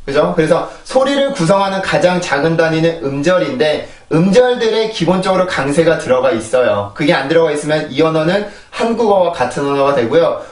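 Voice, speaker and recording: In a lecture on English pronunciation, a fairly high-voiced man explains sounds, runs repetition drills, and keeps checking in with his listeners. The room echoes and he sounds a bit distant from the mic.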